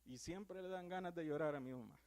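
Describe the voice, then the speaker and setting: A young male preacher with a Salvadoran accent delivers a fervent sermon in a fairly high voice. He moves between loud, ringing exclamations and quiet, heartfelt passages, as if speaking from a church pulpit. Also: fairly quick. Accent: Salvadoran Spanish. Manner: swings from loud exclamations to hushed, earnest tones.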